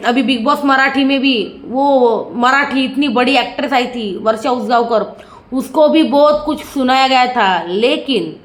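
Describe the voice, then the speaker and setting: High-voiced woman ranting in an echoey room. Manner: indignant, asks rhetorical questions. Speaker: reality show reviewer. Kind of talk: opinionated casual commentary.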